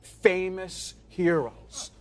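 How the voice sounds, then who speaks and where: Brief: male game master, higher-pitched, halting casual answers with repeated words. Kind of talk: casual live interview answers.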